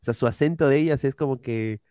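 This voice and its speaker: A man's voice: mid-range voice, fast talker, mellow, clear, resonant tone, dry recording, clean studio sound. A man hosting a casual podcast, rambling with lots of fillers and tag questions. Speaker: podcast host.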